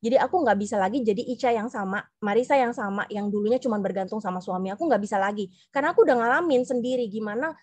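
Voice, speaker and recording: A woman's voice: medium pitch, rapid-fire, few pauses, a little mellow, no echo. A woman in her thirties from South Sulawesi telling her personal story in an earnest, heartfelt way. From South Sulawesi, Indonesia. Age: 30s. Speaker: business presenter, stay-at-home mom. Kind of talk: personal testimonial talk.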